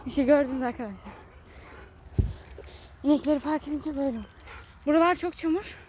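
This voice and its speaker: A woman's voice: high-pitched, quick pace, a little hiss or hum. A woman talking casually to her viewers while walking her dogs outdoors on a muddy farm. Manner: talks to viewers, then shouts sharp commands at the dogs. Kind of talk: casual vlog talk to viewers.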